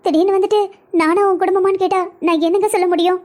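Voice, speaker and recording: Very high, fast woman in cartoon drama. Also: steady tone, darkish tone. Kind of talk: Tamil cartoon voice acting.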